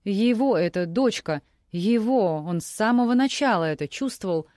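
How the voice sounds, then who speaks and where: A woman narrating an audiobook novel in a measured, expressive reading. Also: medium pitch, no echo, clean studio sound. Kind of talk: scripted narration.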